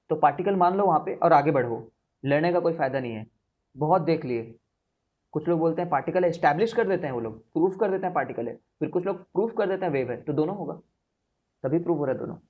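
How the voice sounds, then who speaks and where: Young guy teaching physics, kinda high voice, super chatty, dull lo-fi sound. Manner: chatty, lively, mixes in English phrases. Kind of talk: classroom lecture.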